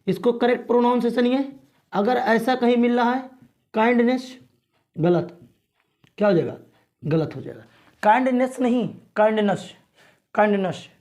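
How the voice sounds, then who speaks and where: His voice is very high-pitched and darkish, delivered at normal speed. In class, the male teacher works on pronunciation by repeating each word and asking again and again how to read it, frequently clearing his throat.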